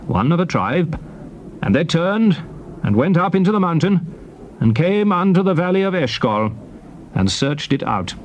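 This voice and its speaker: Through faint tape hiss comes a solemn prophet, pitched a little high for a male leader. His dramatized scripture oratory is formal and declamatory, with wide, sweeping intonation as he addresses his people. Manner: declamatory, formal, emphatic phrasing. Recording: noisy old cassette tape transfer.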